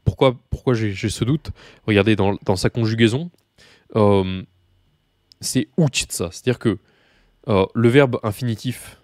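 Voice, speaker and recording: A man's voice: mid-range voice, a little mellow, dry recording, studio quality. A man teaching Russian to beginners in a casual video lesson, chatty with many fillers and asides, talking straight to the learners.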